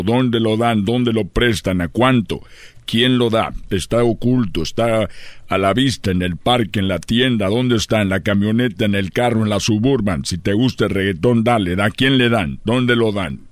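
A man's voice: lowish voice, moderate pace, dry recording. A man telling jokes and breaking into silly sung bits, with a playful, absurd delivery. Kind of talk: comedic storytelling and silly singing.

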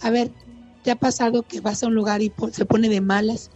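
An earnest woman reading a direct relationship advice segment to women listeners. Her voice is mellow and slightly high. The audio is dull and muffled, with faint music under it. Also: fairly even intonation, a little fast. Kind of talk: scripted advice monologue.

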